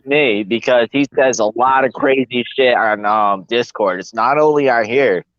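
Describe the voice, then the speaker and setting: A man's voice: medium pitch, moderate pace, a bit bright, no room sound, lo-fi sound. A man hosting crude casual banter in an online voice chat, laughing and teasing with lots of swearing.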